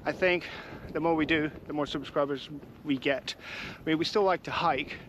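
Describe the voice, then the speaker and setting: An English-accented man, a hiking vlogger, chats casually and warmly to his camera while walking uphill on hilly outdoor trails. His voice sits on the high side and is fairly bright, with fairly even intonation and a normal pace. The camera mic picks him up as he walks, with the highs cut off and a little background noise.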